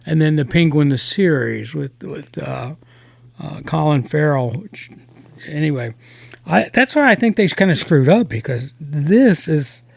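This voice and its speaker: Gravelly guy, kinda high voice, rambling show review, keeps restarting. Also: animated, dry recording. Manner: halting, many restarts and repeated words. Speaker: podcast host and reviewer. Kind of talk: casual review chat.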